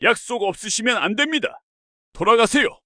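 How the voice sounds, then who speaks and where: A man's voice: sits high, expressive, moderate pace, sharp tone, no echo, clean studio sound, full character voice. A man voicing a curt male security guard at a mansion gate who speaks in clipped, dismissive lines.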